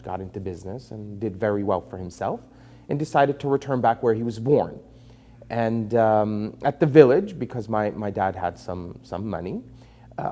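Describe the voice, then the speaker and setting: Attorney in his fifties raised in Palestine, earnest and emphatic storyteller, relaxed warm voice. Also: on the low side, a little hiss or hum. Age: 50s. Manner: earnest, emphatic, measured with frequent fillers. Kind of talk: personal storytelling to camera.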